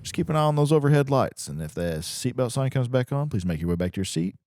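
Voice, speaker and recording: A man voicing a smooth-talking male airline pilot making a mock-official cabin announcement. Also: medium pitch, expressive, quick pace, a little mellow, natural voice.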